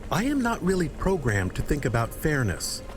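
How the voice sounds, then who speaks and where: An actor voicing a gentle male AI dog in an android body, speaking in a smooth, calm, mechanical android manner. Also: fairly high pitch, normal speed. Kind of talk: video game voice acting. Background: loud game music.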